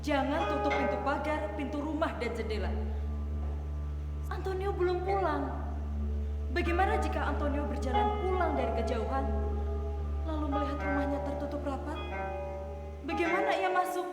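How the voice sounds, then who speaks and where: A woman's voice: high voice, lively intonation, normal speed, pauses often. A woman playing an anxious, stubborn woman of a grieving household in a theatrical dramatic reading, speaking insistently. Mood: anxious waiting. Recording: very echoey hall, loud music behind.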